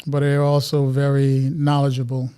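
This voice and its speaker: A man from Guyana, a guest artist telling stories in a relaxed interview chat, often restarting his sentences. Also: mid-range voice, moderate pace, clear, resonant tone. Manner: reflective, storytelling, many restarts.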